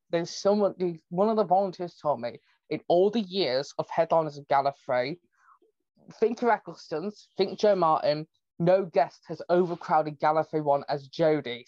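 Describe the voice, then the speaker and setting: A man's voice: on the high side, darkish tone, no echo, dull audio. A man in his twenties hosting a podcast, chatting eagerly like a fan. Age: 20s. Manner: eager, gushing fan talk. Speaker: podcast host. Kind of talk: casual podcast chat.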